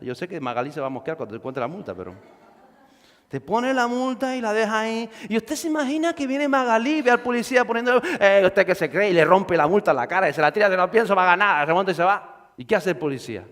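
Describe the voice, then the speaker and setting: Man, pastor, sermon, fairly high voice, long hall reverb. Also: animated, fast talker, fairly bright tone. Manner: conversational, rhetorical questions, repetition.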